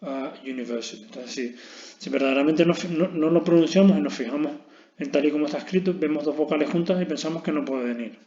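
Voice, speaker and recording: Speaking quickly in a dark, rather high voice, this man with a Spanish accent explains English grammar one step at a time, pausing often to make sure his audience is following. The room echoes and the sound quality is dull and lo-fi.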